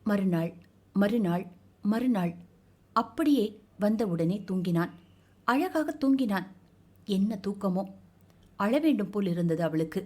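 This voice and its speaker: A woman narrating an audio novel in measured, expressive storytelling. Her voice sits at a middle pitch. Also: slightly rough.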